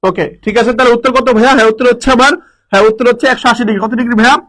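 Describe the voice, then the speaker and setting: A man teaching a live online lesson, energetic, repeating answers and quizzing his students. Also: extremely high pitch, rapid-fire, low-quality recording. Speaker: admission coaching teacher.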